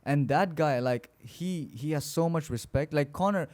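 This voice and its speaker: A man's voice: fairly high pitch, moderate pace, darkish tone, no room sound. A man co-hosting a podcast in casual chat, telling stories loosely with lots of fillers and restarts; English is not his first language. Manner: chatty, loose storytelling with many fillers and restarts. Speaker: podcast co-host.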